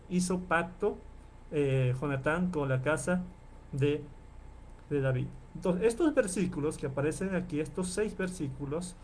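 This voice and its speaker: A man lecturing as a professor in an online class, explaining and repeating terms slowly and checking in with his listeners often. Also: a little high, slight background noise. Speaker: Bible professor.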